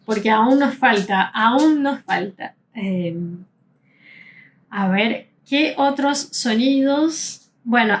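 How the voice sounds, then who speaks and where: In a fairly high, slightly bright voice, a woman gives a German pronunciation lesson, explaining and slowing down to model the sounds. Her first language is not Spanish. There is a little hiss or hum in the recording.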